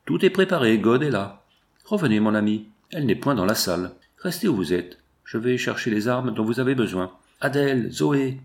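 A man's voice: mid-range voice, lively intonation, normal speed, gravelly. A man voicing a stern, commanding father who gives firm orders in an audiobook. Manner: firm, authoritative.

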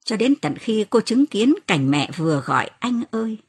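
A woman narrating an audiobook novel in an expressive reading voice. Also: medium pitch, moderate pace, slightly rough. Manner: expressive reading, lifts her voice for quoted cries.

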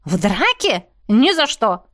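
A woman reading an audiobook, voicing a fussy, bragging male gnome inventor who pitches his gadgets and whines about his duties. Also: lively intonation, normal speed, fairly bright tone, no echo, clean studio sound. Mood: whiny. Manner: boastful sales-pitch patter, whiny. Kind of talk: audiobook character voice.

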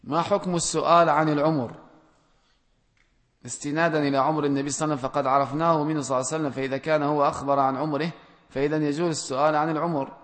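A religious scholar, a man, reads out audience questions and answers each with plain, direct rulings. His voice sits a little high and he gently admonishes his listeners. Long reverb trails behind him, as in a mosque or large lecture hall. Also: little pitch movement, very fast.

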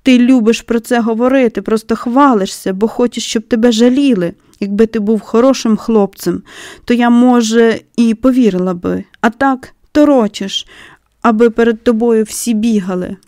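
A woman's voice: a little high, moderate pace, dark tone, no echo, studio quality, close to an everyday voice. A woman voicing a stubborn, blunt young girl who snaps back curtly in a storybook reading. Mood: scolding. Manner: curt, scolding.

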